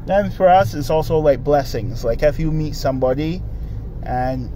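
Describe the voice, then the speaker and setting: A man's voice: a little high, normal speed. A man with a Caribbean accent from Barbados, chatting casually as a local host. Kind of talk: casual chat. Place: inside a car on a road at night. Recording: noisy car interior with road noise.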